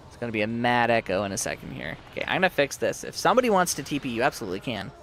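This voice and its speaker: Very animated and rapid-fire, a mid-range, fairly bright male voice chats with viewers during a live game stream, reading and replying to them. A sore throat leaves his voice fading, and there's a little hiss or hum.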